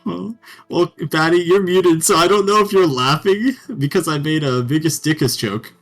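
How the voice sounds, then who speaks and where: A man's voice: on the high side, moderate pace, faint music behind. A man running a tabletop game as dungeon master, bantering and swearing freely with his players. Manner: profane, joking banter.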